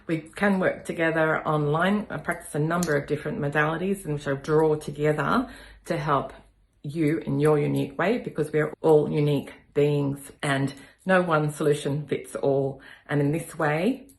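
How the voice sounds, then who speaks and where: A middle-aged woman with a cold speaks in a low, gravelly voice, calmly explaining each step as she demonstrates on herself. Her voice carries an echo from the room around her. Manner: calm, explanatory, counts slowly. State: has a cold. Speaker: kinesiology practitioner. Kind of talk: demonstration with instruction. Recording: echoey room.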